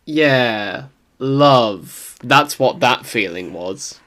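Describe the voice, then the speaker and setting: A man's voice: mid-range voice, expressive, extremely slow, a bit bright. A man co-hosting a podcast who reacts to the story in casual chat with wry, sarcastic quips. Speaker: podcast co-host.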